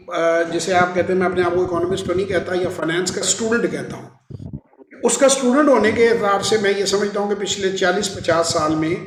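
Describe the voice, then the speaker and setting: A man's voice: sits high, echoey room, slight background noise. A man who hosts a finance channel, explaining investing in an earnest, teacherly way and mixing in English phrases. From Pakistan. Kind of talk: informal lecture to camera.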